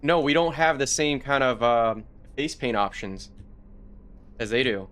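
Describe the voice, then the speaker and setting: A man streaming a horror game with his friends, trading jokes in loose, casual banter. His voice is bright and forward, pitched right in the middle. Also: lively intonation, a little slow. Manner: joking, playful banter. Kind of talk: casual gaming chat.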